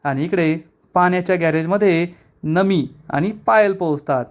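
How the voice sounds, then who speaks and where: Chatty man narrating a serial recap. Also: high voice. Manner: brisk, chatty storytelling addressed to friends. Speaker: TV serial episode reviewer.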